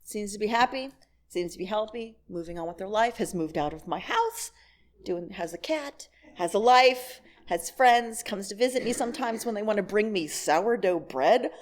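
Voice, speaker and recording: A middle-aged woman guest-speaks at a church service at normal speed, her medium-pitched voice animated. She laughs while giving the congregation a candid, wry personal talk built from stories and acted-out dialogue.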